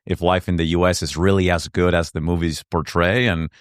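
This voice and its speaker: Super deep-voiced guy from argentina, spanish his first language, earnest and reflective, smooth clear voice. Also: fairly even intonation, brisk, no echo, studio quality. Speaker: entrepreneur guest. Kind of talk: conversational interview.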